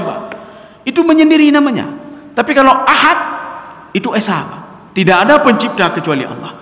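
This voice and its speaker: Man, sermon, high-pitched, roomy echoing hall. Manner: addresses the congregation as Pak and Mbak, loud and animated. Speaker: preacher. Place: mosque gathering. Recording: echoey reverberant hall.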